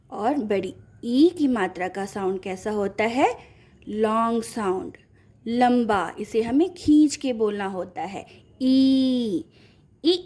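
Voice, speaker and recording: A woman teacher giving a lesson to children, speaking slowly and clearly, asking questions and answering them herself. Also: a little high, warm tone. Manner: slow, clear teacherly speech.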